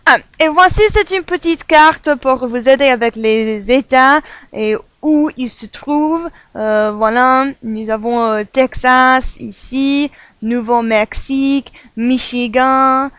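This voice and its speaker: A woman's voice: sits high, a little slow, fairly bright tone, clear, resonant tone, dry recording. Woman teaching a French grammar lesson. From United States. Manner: patient, repeats examples, fills with "voilà" and "euh".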